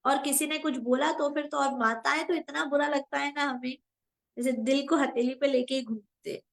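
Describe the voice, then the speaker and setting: A woman's voice: high voice, steady tone, moderate pace, vocal fry, poor audio. A woman giving a devotional discourse as spiritual teacher to an online group, earnest and asking her listeners questions. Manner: earnest, asks the audience questions. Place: online live session.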